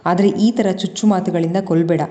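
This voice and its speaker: A woman plays a worried young man who pleads, in a mellow, low storybook voice. The sound carries a long reverb. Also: fairly even intonation, fairly quick, natural voice. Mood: pleading.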